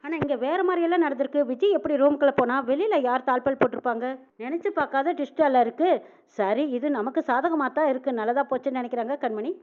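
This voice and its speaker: A woman rattles through a recap of a TV serial episode with rapid, breathless storytelling. Her voice is high, and the sound is narrow and tinny, like a phone line. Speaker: narrator.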